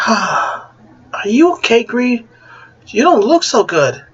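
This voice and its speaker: A man's voice: very high voice, big pitch swings, slow, husky, lo-fi sound, voice pushed up, exaggerated voice. A man doing Greed, an anxious young hero. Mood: urgent. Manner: urgent, pleading.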